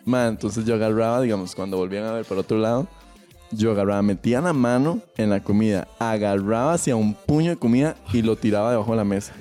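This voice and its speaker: A Costa Rican man telling childhood stories in a relaxed, slangy casual chat. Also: lowish voice, fast talker, soft background music.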